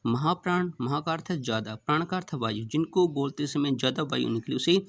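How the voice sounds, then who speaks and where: Male teacher, mid pitch with a gravelly edge, steady question-and-answer revision, lists items one by one. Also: fairly quick. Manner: asks questions and answers them himself; counts out and lists letters one by one. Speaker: Hindi grammar teacher. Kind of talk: classroom revision lesson.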